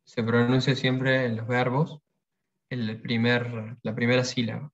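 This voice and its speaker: A man's voice: mid-range voice, little pitch movement, a little slow. A man teaching a pronunciation workshop, explaining patiently and repeating example words. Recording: dull lo-fi sound.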